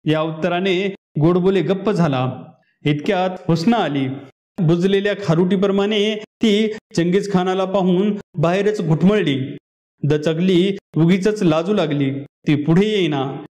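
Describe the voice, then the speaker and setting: A man reading a short story aloud in a steady, expressive voice. His voice sits high for a man. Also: a little slow.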